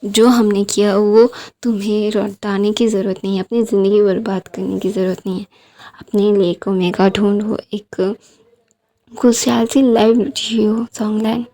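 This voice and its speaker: A worried middle-aged mother speaks slowly and seriously, as a woman narrator puts her on. Her voice is mellow and mid-pitched. She sounds firm and cautionary. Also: flat delivery, lightly acted.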